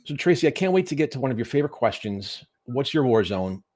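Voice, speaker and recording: A man hosting an interview show, introducing his guest in a brisk, upbeat way. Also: medium pitch, very animated, darkish tone. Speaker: host.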